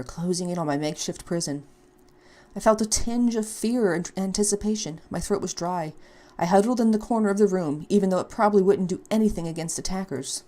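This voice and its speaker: A woman playing a visual novel and reading it aloud in first person as a let's play, with lively delivery and sarcastic, comic asides. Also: lowish voice. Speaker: game player.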